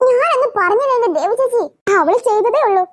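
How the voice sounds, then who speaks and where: A defiant schoolgirl with a sharp tongue, voiced by a woman in a cartoon. She speaks in a very high voice, quick and snappish. She never backs down. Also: animated. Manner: sassy, retorting, snappish. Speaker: cartoon voice actor. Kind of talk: cartoon voice acting.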